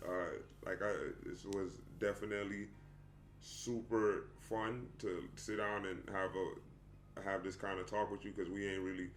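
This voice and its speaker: A man's voice: on the low side, flat delivery, unhurried. A young adult man hosting a casual interview, laid-back and slangy, calling his guest "bro". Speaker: podcast host. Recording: echoey room.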